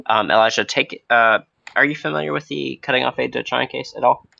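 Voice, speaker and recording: A young man hosting a casual, spontaneous podcast with a hoarse, froggy voice from a cold, talking in a hesitant, unscripted way. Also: medium pitch, fairly quick, bright, forceful tone, no room sound. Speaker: podcast host. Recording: dull, lo-fi close recording.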